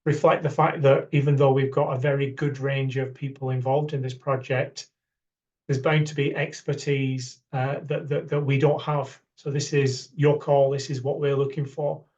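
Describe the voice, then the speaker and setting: A man presenting a funding call in an online session, his voice flat and little varied in pitch. He speaks haltingly, with frequent ums and repeated words. The sound is dull and lo-fi, like call audio. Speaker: academic presenting a funding round.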